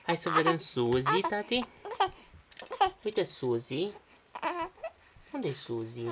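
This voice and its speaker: A man from Romania talking baby talk to his infant in a singsong, coaxing way, with soft sighs. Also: fairly high pitch, noisy background.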